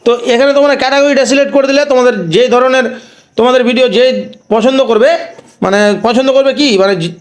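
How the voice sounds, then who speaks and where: Man, very high voice, rapid, repetitive, tutorial host. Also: steady tone. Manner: repeats each step with tag questions. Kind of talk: screen-recording tutorial.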